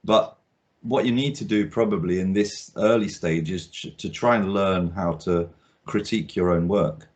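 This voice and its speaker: Hosting a casual interview over video call in the role of an art critic, a man talks in a meandering way, full of ums and false starts. His deep, darkish voice moves at a normal speed, and the recording is dull and lo-fi.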